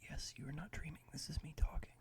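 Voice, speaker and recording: An ASMR creator sits at a desk in his bedroom, half-whispering close to the mic in a breathy, gravelly voice. He rambles hesitantly and pokes fun at himself, speaking fast with a fairly high, steady pitch.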